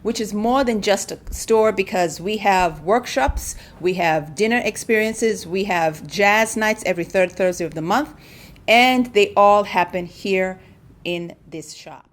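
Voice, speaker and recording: A woman, a shop owner answering interview questions in a measured way with many pauses. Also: medium pitch, reverberant, recorded from a distance. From Kenya. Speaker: boutique owner. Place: her clothing shop.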